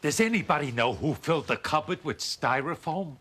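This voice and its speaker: A man's voice: on the high side, animated, a little fast, very noisy, close to an everyday voice. An actor playing a cranky, sarcastic old vampire grandfather in a sitcom, firing off dry quips. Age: older. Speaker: sitcom character. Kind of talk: sitcom acting. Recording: sitcom audio with loud laugh track. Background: studio audience laughter.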